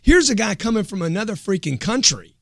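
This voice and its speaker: Male host, higher-pitched, hard-selling hype delivery, dry close-miked sound. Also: big pitch swings, a little fast, creaky, dry recording. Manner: loud, pushy, hyped salesman delivery. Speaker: show host. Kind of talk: energetic motivational talk show.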